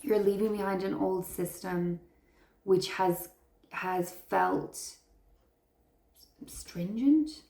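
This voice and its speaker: A woman's voice: mid-range voice, little pitch movement, slow, dark tone, roomy sound. A woman giving an intuitive tarot reading to her viewers, speaking in an earnest, affirming way and heaping praise on them. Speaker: tarot reader.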